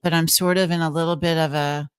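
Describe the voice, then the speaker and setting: A woman's voice: sits low, flat delivery, fast, clear, resonant tone, no echo, studio quality. A woman speaking as an interview guest, explaining things conversationally in earnest, emphatic short phrases. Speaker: guest, trance channeler.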